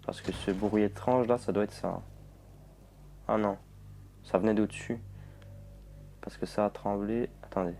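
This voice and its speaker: Brief: young gamer, low voice, swears when startled, chats to viewers. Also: male voice, fairly even intonation, unhurried, vocal fry, pauses often, dark tone, a little hiss or hum. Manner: jumpy, swearing, talking to viewers. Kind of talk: let's play commentary.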